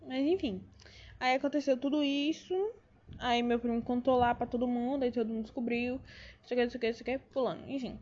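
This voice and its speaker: A woman's voice: fairly high pitch, fairly even intonation, fast, darkish tone, a little hiss or hum. A young woman with a Brazilian Portuguese accent, chatting to viewers in a casual, rambling way, full of slang and restarts. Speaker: vlogger. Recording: dull lo-fi sound.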